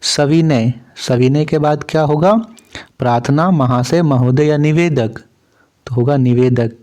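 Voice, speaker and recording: Male teacher, unhurried and warm-toned, reads verse then works through exam answers. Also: medium pitch. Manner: reads a poem aloud, then asks quiz questions and answers them himself. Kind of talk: exam answer walkthrough lesson.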